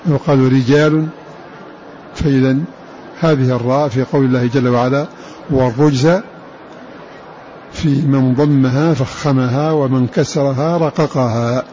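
A man teaching the variant readings of the Quran, explaining slowly, repeating words and chanting verse lines. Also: medium pitch, warm tone, muffled recording, a little hiss or hum.

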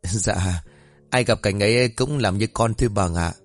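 A man voicing a kind young stranger who talks in a polite, gentle, deferential way. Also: on the low side, moderate pace, slightly rough, no room sound.

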